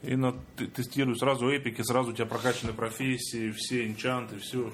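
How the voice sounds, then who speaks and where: Chatty male guest, mid-pitched, explains with quick acted quotes, light hiss. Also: little pitch movement, fairly bright tone. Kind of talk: casual chat.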